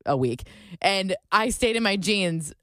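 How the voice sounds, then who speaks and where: A woman's voice: mid-range voice, expressive, measured pace, fairly bright tone, no room sound. A woman co-hosting a radio show from a studio, chatting in an informal, conversational way. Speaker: radio co-host. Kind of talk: casual chat.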